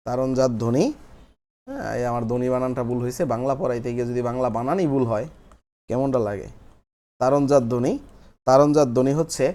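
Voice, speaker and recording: A young man teaching a recorded grammar class, explaining step by step and repeating each key term for students to write down. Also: medium pitch. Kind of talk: recorded online class lecture.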